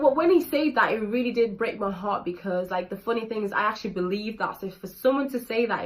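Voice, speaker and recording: A woman's voice: medium pitch, fairly bright tone, rough recording. Candid young woman. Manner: candid, slangy, swears freely. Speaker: vlogger. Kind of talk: casual storytelling to camera. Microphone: built-in camera mic.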